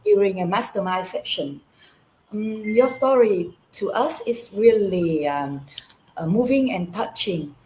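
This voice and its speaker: A woman's voice: medium pitch, animated, a little slow, dark tone, a little hiss or hum, rough recording. A woman co-hosting an online interview over a video call, asking polite, hesitant questions. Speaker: co-host.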